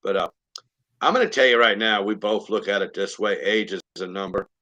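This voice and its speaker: Frank fifty-something man, low bright voice. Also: muffled recording, slight background noise. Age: 50s. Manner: halting, repeats words, frank. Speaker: guest. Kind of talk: casual live-stream chat.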